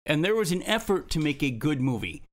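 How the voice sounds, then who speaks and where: A man with a notably high voice talks as co-host of a film review show. He is opinionated and emphatic, building long, scathing critiques point by point. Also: very animated, brisk.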